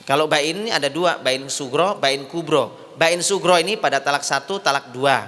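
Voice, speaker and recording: A man's voice: fairly high pitch, moderate pace, bright, forceful tone. A man giving a religious lecture, patiently repeating points and checking that his audience understands. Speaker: Islamic preacher. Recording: hall reverb.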